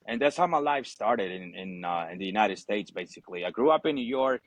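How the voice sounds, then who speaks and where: Speaking briskly with lively intonation, his voice sits on the low side; the recording is rough but has no room sound. He's a Marine veteran from Ecuador in his forties, a Spanish speaker, guesting on a podcast in easygoing chat full of fillers and occasional swearing.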